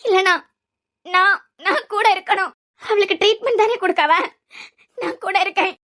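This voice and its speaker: A woman's voice: extremely high pitch, steady tone, a little fast, bright, forceful tone. A woman voicing a frightened young mother in a cartoon serial, pleading and tearful, with a Kanyakumari Tamil accent.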